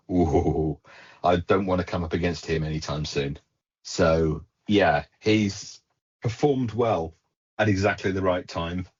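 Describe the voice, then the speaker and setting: A man co-hosting a casual podcast chat, measured, with dry punning asides. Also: low-pitched, breathy edge. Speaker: podcast co-host. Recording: dull lo-fi podcast audio.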